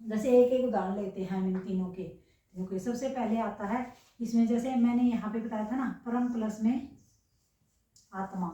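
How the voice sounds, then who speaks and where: A woman teacher explains a grammar rule step by step and keeps asking her class whether they follow. Her voice sits a little high but mellow. It comes from some distance in a very echoey room. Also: normal speed. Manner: repeats rhetorical questions, checks understanding often.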